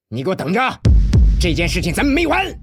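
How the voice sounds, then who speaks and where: A man's voice: high-pitched, huge pitch swings, moderate pace, fairly bright tone, soft background music, heavily acted. An actor playing a boastful, scheming male businessman villain who bullies and gloats. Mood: threatening. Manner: bullying, then fawning and gloating. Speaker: rival beauty-salon boss.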